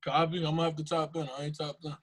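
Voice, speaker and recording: A man's voice: fairly high pitch, monotone, racing, a crowd in the background. A young man hosting a podcast in casual, slangy conversation, repeating phrases for emphasis. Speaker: podcast host.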